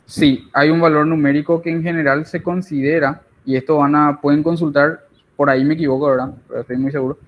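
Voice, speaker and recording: A man's voice: fairly high pitch, steady tone, fairly quick, highs cut off. A man giving an online engineering tutorial, explaining while he draws and often checking with tag questions.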